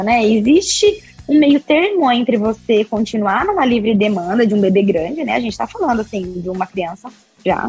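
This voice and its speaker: A woman, a podcast guest telling her story in an expressive, chatty way with lots of tag questions. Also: on the high side, slightly rough. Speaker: podcast guest, breastfeeding consultant. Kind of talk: casual interview chat.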